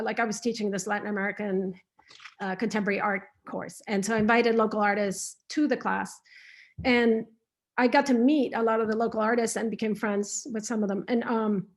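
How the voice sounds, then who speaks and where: Over a video call, a woman from Patagonia, Argentina, gives an online talk as a visiting artist. Her mid-range voice stays steady at a normal speed, and she's thoughtful, often restarting sentences and using fillers.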